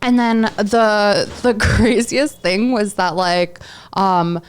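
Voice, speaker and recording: A young woman from Tajikistan, whose first language is Dari, chats casually as a podcast guest, telling stories frankly in a rambling way packed with "like" fillers. Her mid-range voice has fairly even intonation and a clean tone, and she speaks at a slow pace.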